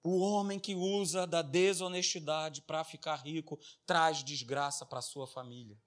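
A man's voice: a little high, steady tone, unhurried. A man, a pastor preaching a sermon with passion and talking directly to his congregation. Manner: impassioned, addresses the congregation as "dear ones".

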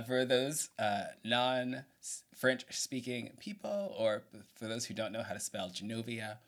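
A man's voice: on the low side, a bit bright. A man hosting a podcast interview, chatting casually and laughing often. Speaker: podcast host.

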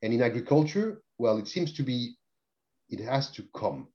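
A man being interviewed, speaking in a thoughtful, measured way with some phrasing. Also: medium pitch, expressive, a little mellow. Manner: thoughtful, measured, with non-native phrasing and restarts. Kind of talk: conversational interview. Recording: dull lo-fi sound.

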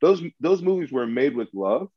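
A man's voice: medium pitch, big pitch swings, moderate pace, muffled recording. A man arguing his case in a mock trial about superhero movies, combative and profane, repeating himself as he gets heated.

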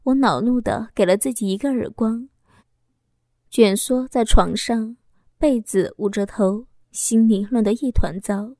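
Soft-voiced woman reading a story. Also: on the high side, unhurried, no echo, clean studio sound. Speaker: narrator. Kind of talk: first-person audio story reading.

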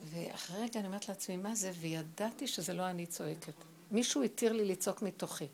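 Animated, gravelly-voiced middle-aged woman. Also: mid-range voice, slight background noise. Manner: animated, emphatic storyteller. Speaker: spiritual teacher. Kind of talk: spiritual talk with personal storytelling.

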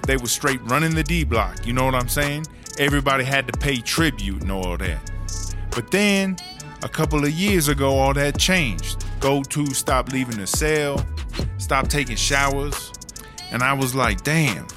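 Over background music, a lightly acted male performer voices a long-serving, streetwise female inmate in a comedy audio drama. His medium-pitched delivery moves at normal speed with lively intonation as she gossips animatedly through casual, slang-filled, sweary first-person anecdotes.

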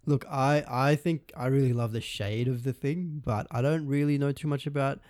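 Australian male podcast co-host, upbeat joker, mid pitch, dead-dry mic. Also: fairly even intonation, moderate pace, darkish tone, no room sound. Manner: jokey, upbeat, often starts with "look". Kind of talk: casual chat.

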